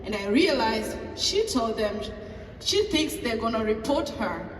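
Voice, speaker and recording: At a table talk, a woman pastor with a Tanzanian accent relates a personal story in a fairly high voice with lively intonation. She performs the dialogue and pauses on fillers, and she is heard from a distance in a long, echoing hall with faint ambient noise.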